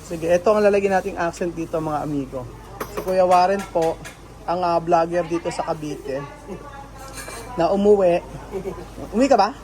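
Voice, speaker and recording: A man's voice: high voice, normal speed, pauses often, a little mellow, slight background noise, rough recording. A man from the Philippines vlogging casually in a house under renovation, chatting to his viewers with many fillers and restarts. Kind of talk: casual vlog commentary to viewers.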